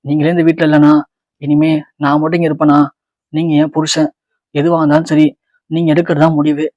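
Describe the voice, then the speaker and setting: A man's voice: a little high, level tone, brisk, a little mellow, dry recording, lo-fi sound, close to an everyday voice. A man voicing a loyal young wife, indignant and insistent. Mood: pleading. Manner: pleading, then scornful.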